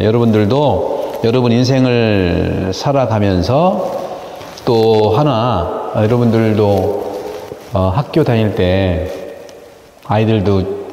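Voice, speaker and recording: A middle-aged priest speaks in a mellow, warm voice, quizzing his parishioners and acting out a noisy crowd to make his point. The sound rings around a large church hall with a long, echoing reverb. A faint room hum sits underneath. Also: fairly low pitch. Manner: lively, questions the audience, acts out noisy crowds. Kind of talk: sermon and teaching talk to parishioners.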